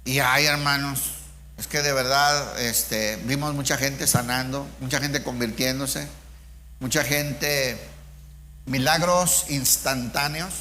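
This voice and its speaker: A man's voice: mid-range voice, pushed and bright, slight background noise. A middle-aged man, preaching an informal sermon with personal testimony, speaking conversationally and asking his listeners rhetorical questions.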